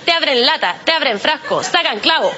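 Chilean woman comic, very high voice, slangy and self-mocking, muffled noisy live recording. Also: expressive, a little fast. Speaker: stand-up comedian. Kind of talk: stand-up comedy routine.

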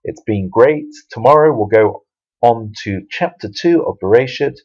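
A man's voice: medium pitch, expressive, unhurried, a little mellow, highs cut off. A man teaching Hebrew letters from a Bible verse in a video lesson, explaining patiently with fillers and restarts. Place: Jerusalem.

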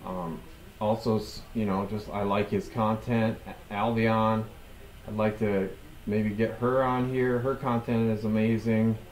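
A man's voice: lowish voice, level tone, unhurried, roomy sound, low-quality recording. Laid-back man rambling on a headset mic. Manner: rambling, many ums and restarts. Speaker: podcast host. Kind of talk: casual chat to camera. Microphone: headset with boom mic.

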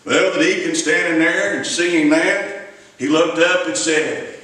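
A middle-aged Southern US evangelist preaches an evening sermon in a folksy, storytelling manner, drawing out his phrases. His voice is on the high side, steady, measured, and sharp in tone. A distant camera picks him up through the pulpit mic, so the small church sanctuary sounds echoey.

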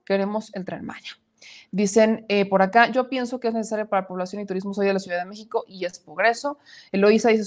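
Broadcasting a live-streamed news show from her small home studio, a woman in her thirties speaks in a mid-range voice. She reads out viewer comments and follows them with emphatic opinions of her own.

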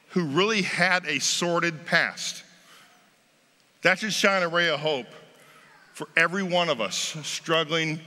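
A man's voice: a little high, sharp tone. A man in his forties with an American accent, preaching an Easter sermon from a lectern on a church stage, rising and falling in force for emphasis. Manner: emphatic, swelling and dropping for effect, gesturing. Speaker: pastor. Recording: long reverb of a large sanctuary.

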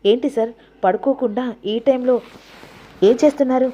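A woman's voice: on the high side, a little fast, dark tone, lo-fi sound, close to an everyday voice. A woman voicing a jealous young woman who accuses and questions sharply. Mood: angry.

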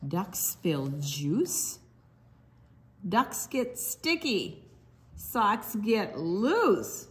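An older woman with a mid-range voice reads a picture book to children in an expressive, unhurried sing-song. She breaks off occasionally for little comments to her young audience.

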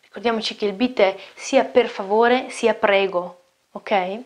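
A woman with an Italian accent teaching an online German lesson, chatty, slowing down to repeat phrases clearly and often asking "ok?". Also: medium pitch.

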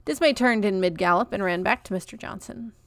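A woman narrating a children's novel in a clear, expressive read-aloud. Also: mid-range voice, brisk, no room sound.

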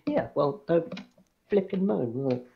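A man's voice: a little high, lively intonation, unhurried, gravelly, lo-fi sound, a crowd in the background. Crude, teasing man on voice chat. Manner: crude, teasing, swears a lot. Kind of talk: casual gaming chat.

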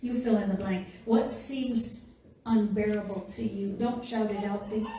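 A woman's voice: medium pitch, steady tone, a little slow, mellow, a little hiss or hum. Woman pastor preaching in an echoey hall. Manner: conversational and playful, addressing the congregation directly. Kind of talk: sermon. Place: church sanctuary. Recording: very echoey, distant church hall recording.

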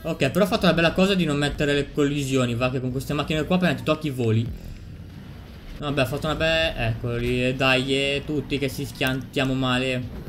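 Excitable male streamer, rapid repetitive game commentary, faint noise bed. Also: medium pitch. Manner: excitable, repeats phrases, swears. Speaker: gameplay streamer.

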